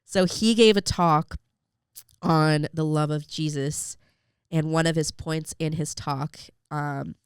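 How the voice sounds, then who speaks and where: A woman's voice: deep voice, fairly even intonation, slow, clean tone, no room sound, studio quality. A young woman telling a heartfelt personal story as a podcast guest, with lots of "like" and fillers. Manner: emotional storytelling with many fillers. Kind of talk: personal faith story in an interview.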